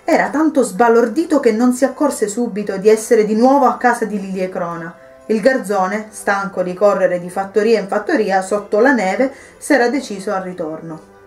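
A woman reading a Christmas story aloud as a storyteller, in a calm, measured way. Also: mid-range voice. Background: soft background music.

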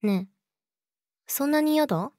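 Woman voicing a yandere schoolgirl girlfriend, audio drama, sweet, eerily obsessive, possessive, unhurried, close dry sound. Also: sits high, lively intonation, warm tone, dry recording. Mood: possessive, pleading. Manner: sweet, eerily obsessive, clingy, slow and coaxing. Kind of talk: intimate situation-voice audio drama, addressing the listener.

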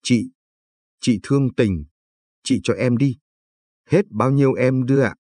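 A man voicing an apologetic, soft-spoken young mother in a read-aloud story, with a husky voice. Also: medium pitch, a little slow, no room sound. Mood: pleading. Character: well-dressed young mother, polite and pleading.

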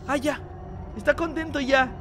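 A woman hosting a let's-play video, playing alongside her young child, who gets excited and shrieks in alarm at the game and talks straight to her viewers. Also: high voice, normal speed, noisy background. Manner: addresses viewers directly. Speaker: gaming channel host.

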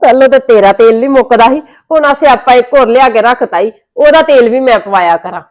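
A woman's voice: a little high, fairly quick, a little mellow. A woman with a Punjabi accent playing an exasperated elder sister who scolds and complains. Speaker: elder sister in a family drama. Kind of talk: Punjabi web-series acting.

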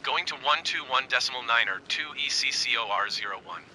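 A man's voice: mid-range voice, lively intonation, fairly quick, low-quality recording. A man flying a small aircraft who speaks into a cockpit headset. He reads back instructions in brief, businesslike radio phrasing. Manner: brief, businesslike read-backs. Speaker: pilot. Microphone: cockpit headset mic. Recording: headset mic over loud engine drone. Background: aircraft engine noise.

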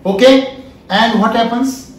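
A man's voice: very high-pitched, unhurried. A man in his forties with an Indian accent, lecturing a class emphatically, asking questions and repeating key phrases. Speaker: trainer, lecturer. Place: small wood-panelled indoor training room. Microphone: camera a few feet away. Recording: very echoey room, mic at a distance.

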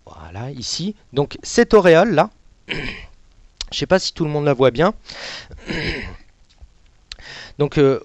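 A man giving a casual live demonstration of trading software to an audience, hesitant, with many fillers and little sound words. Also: on the high side, clear, resonant tone, no echo. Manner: says he is not an analyst. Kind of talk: live software demo webinar.

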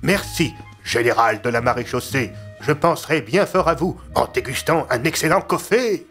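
A man's voice: mid-range voice, animated, normal speed, a bit bright, faint music behind, natural voice. A man voicing an old male Dokipa creature who is cheeky and speaks in a teasing, gleeful way.

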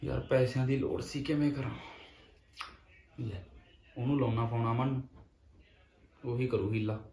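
A man's voice: medium pitch, fairly even intonation, dark tone, echoey room, a little hiss or hum, close to an everyday voice. An actor playing a young man who pleads with his sister for forgiveness after losing his land. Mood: bitter. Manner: pleading, repentant, with many pauses. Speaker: brother.

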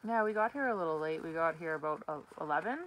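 A young woman vlogging outdoors chats casually from inside a small ice fishing tent, holding the camera close. Her voice is low-pitched but fairly bright, animated and quick, and she comes across giggly and easygoing. The recording is low quality with slight background noise.

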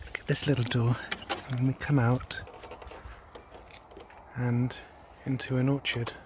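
A man's voice: medium pitch, a little slow, heavy background noise. A man giving a casual, rambling vlog walkthrough, filmed outdoors on a handheld phone. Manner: relaxed, rambling with many ums and restarts. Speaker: vlogger. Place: outdoors at a rural charging station and van.

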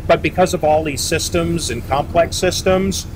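A man's voice: on the high side, normal speed. A middle-aged man representing a boat maker, answering interview questions casually and rambling with many fillers and restarts, seated outdoors beside a boat. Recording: outdoor noise behind.

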